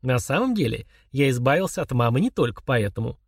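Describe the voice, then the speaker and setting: A man voicing a calm, mocking young man who chats casually while confessing murder to his father. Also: mid-range voice, fairly quick, creaky, slightly rough, no echo, exaggerated voice. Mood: coolly sneering. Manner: chummy, sneering, confessional tone.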